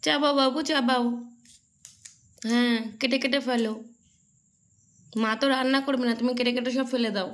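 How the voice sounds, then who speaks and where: A woman's voice: high-pitched, steady tone, normal speed, long pauses. A young woman coaxing her pet in casual, sing-song baby talk, cajoling and repeating herself.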